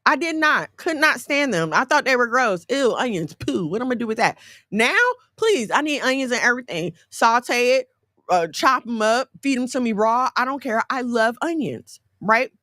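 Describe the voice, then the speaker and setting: A woman in her forties giving casual, animated faith talk in a conversational, folksy way. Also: fairly high pitch, normal speed, no echo, clean studio sound. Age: 40s.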